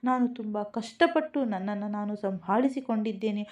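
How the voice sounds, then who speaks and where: A woman's voice: mid-range voice, normal speed, darkish tone, lightly acted. A woman voicing a trembling, tearful young mother. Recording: dull lo-fi recording.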